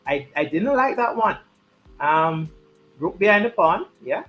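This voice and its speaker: A man's voice: sits high, animated, a little slow, lo-fi sound. A man giving live chess commentary and chatting, repeating his key points for emphasis.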